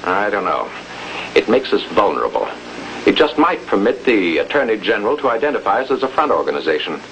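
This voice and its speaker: An American actor playing a calculating older boss in a 1950s television crime drama, speaking with formal, deliberate authority. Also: male voice, lowish voice, very animated, a bit bright. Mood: doubtful. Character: commanding, calculating older male boss of a propaganda front. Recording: noisy old 1950s television film soundtrack.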